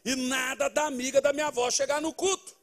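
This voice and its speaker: A man, a pastor telling a funny testimony in a sermon, animated, with loud bursts of exclamation. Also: extremely high pitch, fairly quick. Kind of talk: humorous preaching testimony.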